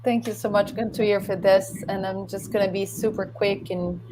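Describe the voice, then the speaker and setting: A woman's voice: medium pitch, fairly even intonation, normal speed. A woman moderating an online talk in a polite, appreciative manner. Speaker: host, moderator. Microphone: video call. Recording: video call with clear background noise.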